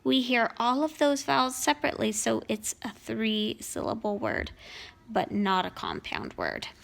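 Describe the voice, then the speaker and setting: A woman's voice: fairly high pitch, sing-song, normal speed, vocal fry, a bit bright. A woman teacher working through a grammar lesson at home, explaining each answer patiently.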